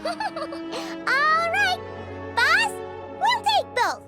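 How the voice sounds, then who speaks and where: A chirpy little floating fairy companion, talking in the third person with a very high voice that leaps all over. She is greedy and excitable, a game sidekick, heard over loud bright music. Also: extremely slow, full character voice.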